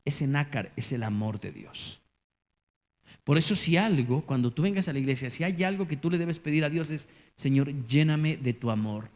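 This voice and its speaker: A man preaching a sermon as pastor, swinging from loud calls to hushed, low lines. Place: church. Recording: church hall reverb.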